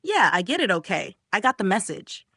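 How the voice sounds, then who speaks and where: A woman's voice: medium pitch, very animated, brisk, sharp tone, breathy edge, dry recording, studio quality, heavily acted. A woman voicing a timid young man who whines and stammers, near tears. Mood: annoyed. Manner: whiny, stammering.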